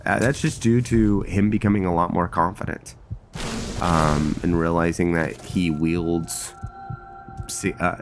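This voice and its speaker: A man giving casual let's-play commentary on a role-play game, thinking aloud in rambling, broken-off phrases. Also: low voice. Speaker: gameplay host.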